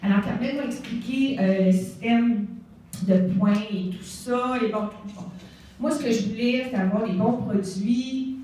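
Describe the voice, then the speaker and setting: A woman's voice: fairly high pitch, measured pace, a little hiss or hum. A woman in her forties from Canada with a Québécois accent, telling her own story to an audience in a chatty way, with many fillers. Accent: Québécois French. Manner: warm, conversational storytelling with fillers. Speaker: guest speaker. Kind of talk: personal testimony speech. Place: event hall. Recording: echoey hall, mic far off.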